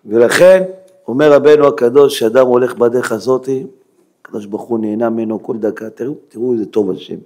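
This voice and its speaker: A man preaching as a rabbi, dramatic and emphatic, swinging from hushed near-whispers to loud exclamations and rhetorical questions. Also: mid-range voice, fairly even intonation. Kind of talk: Hebrew sermon.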